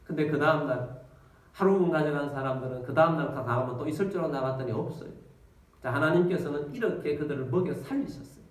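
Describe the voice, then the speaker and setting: A man's voice: fairly high pitch, fast. A male pastor preaching a storytelling sermon to his congregation, calling out to them as he tells the story. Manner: storytelling, animated, addresses congregation. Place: church with congregation. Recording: echoey church from a distance.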